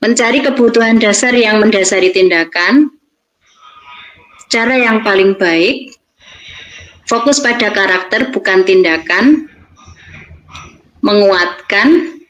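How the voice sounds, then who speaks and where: A woman's voice: mid-range voice, slow pace, pauses often, fairly bright tone, low-quality recording. A woman teacher from Indonesia giving a presentation on classroom practice, explaining steps plainly. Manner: explanatory, acts out teacher and pupil lines.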